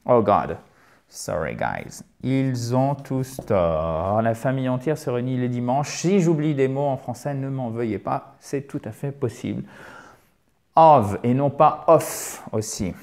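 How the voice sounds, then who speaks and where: A French man teaching English pronunciation on camera in a lively, emphatic way, drilling words by repeating them. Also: mid-range voice, unhurried. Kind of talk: video lesson. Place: indoor filming set with a spotlight. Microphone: camera mic, moves around in frame.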